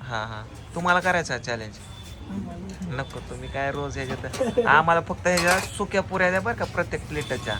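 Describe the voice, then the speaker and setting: With a slightly high, animated voice and a fairly quick pace, a man hosts an outdoor family eating contest. He hurries everyone along, pokes fun at them, and tallies the scores in excited, casual chatter.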